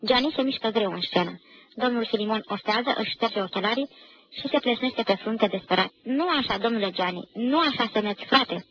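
A woman giving a measured literary reading of a novel, briefly acting out the characters' lines, on a 1990 radio archive recording. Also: fairly high pitch, a bit bright, husky. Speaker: reader of a novel. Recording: dull 1990 radio archive, faint hiss.

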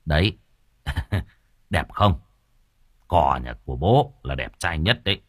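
A man voicing a gentle, hardworking young father who speaks softly and tenderly. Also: a bass voice, animated, slow pace, no echo, studio quality, pitched below the performer's own voice, exaggerated voice. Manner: soft, tender and worried.

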